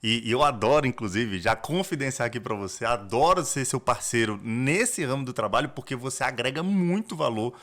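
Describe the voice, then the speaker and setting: Lively-pitched Brazilian lawyer explaining. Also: male voice, brisk, few pauses. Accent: Brazilian Portuguese. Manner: didactic, explains step by step with many restarts. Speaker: corporate lawyer, podcast guest. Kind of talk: explanatory interview talk.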